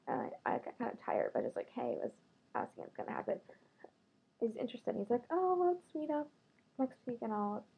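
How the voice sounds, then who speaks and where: A woman vlogger casually telling a dating story, chatty and full of fillers, quoting others in a higher voice. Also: gravelly, breathy edge. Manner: chatty, filler-heavy, quotes others in raised voice. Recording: tinny phone-like lo-fi audio.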